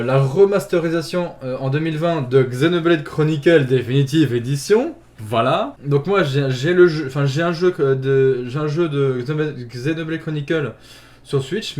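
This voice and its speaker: Young male gaming YouTuber, slightly high voice, loose self-correcting chatter. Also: darkish tone. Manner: rambling, self-correcting, laughs at himself. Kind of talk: casual video game news recap.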